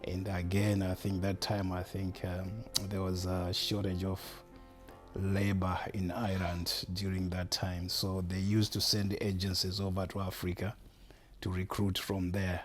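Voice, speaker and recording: A man with a Malawian accent, answering interview questions thoughtfully with pauses. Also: low voice, completely flat delivery, faint music behind. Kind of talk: documentary interview.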